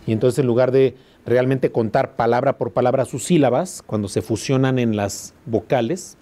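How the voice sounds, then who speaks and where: In a classroom lecture, a male law school teacher with a Mexican accent talks at a moderate pace in a warm, medium-pitched voice. He's patient and checks for understanding with constant questions.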